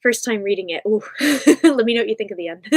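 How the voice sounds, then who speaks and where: A young woman with a lively, bouncy voice co-hosts a casual reading livestream, chatting and giggling as she reads out viewer comments. Her voice sits a little high, close and dry. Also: moderate pace, no room sound. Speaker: livestream co-host.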